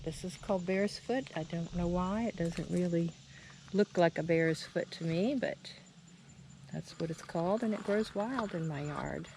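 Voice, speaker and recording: Slow, low-voiced woman outdoors. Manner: unhurried, plainspoken. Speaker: gardener giving a tour. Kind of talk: casual narrated garden tour. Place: outdoors in a garden. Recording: noisy outdoor recording with insect sounds. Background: crickets and insects.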